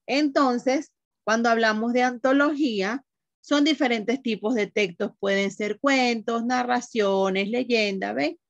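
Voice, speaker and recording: A woman's voice: on the high side, slow pace, no echo, lo-fi sound. A woman teacher giving an online class, explaining patiently and asking the class questions.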